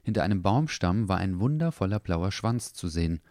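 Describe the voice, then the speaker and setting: A man narrating a children's story in a calm, even way. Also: low-pitched, fairly quick.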